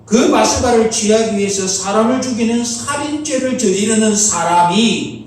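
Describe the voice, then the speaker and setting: A man's voice: sits high, normal speed. A middle-aged man preaching a Sunday sermon as pastor, earnest, asking rhetorical questions. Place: church sanctuary. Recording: very echoey church hall, mic at a distance.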